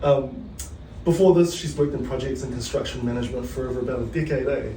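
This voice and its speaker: A New Zealand man hosts a casual podcast interview, joking easily, using lots of fillers and mixing Māori words into his speech in a laid-back manner. His mid-range voice is steady and warm, and he talks fast. The audio is poor and roomy, with him far from the mic and slight background noise.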